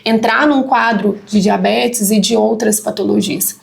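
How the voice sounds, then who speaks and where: A woman's voice: medium pitch, steady tone, measured pace, vocal fry. A woman nutritionist and mother explaining in a casual conversation. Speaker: nutritionist guest. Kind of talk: casual chat.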